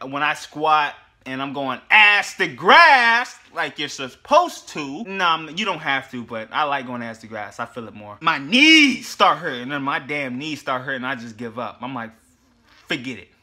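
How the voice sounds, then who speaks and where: A young man talking casually in a fitness vlog, profane and joking, with sudden loud yelled bursts. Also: a little high. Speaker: fitness vlogger.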